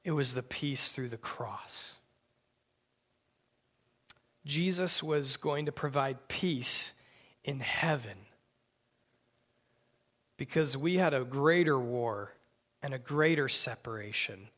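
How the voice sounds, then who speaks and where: Slow, emphatic male preacher. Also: mid-range voice. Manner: slow, emphatic preaching with hushed whispered asides. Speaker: pastor. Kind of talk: sermon.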